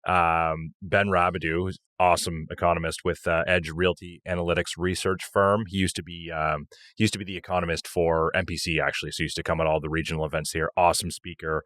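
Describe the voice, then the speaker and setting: Deep-voiced man co-hosting a podcast. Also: quick pace, dry recording, studio quality. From Canada. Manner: relaxed, with many fillers and frequent agreement. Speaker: podcast co-host. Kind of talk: casual chat.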